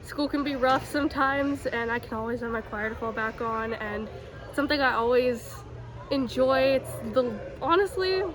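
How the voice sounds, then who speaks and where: Higher-voiced teenage girl, noisy background. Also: moderate pace. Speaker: student interviewee. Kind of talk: casual, sincere interview answer.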